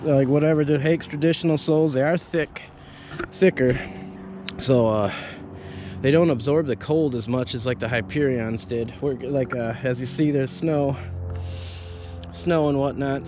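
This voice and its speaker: Unhurried and pausing often, a man in his thirties speaks at medium pitch while reviewing gear from a treetop, caught on a head-mounted action camera. He's an arborist, and his talk is casual and rambling, full of fillers and restarts, with background noise around him.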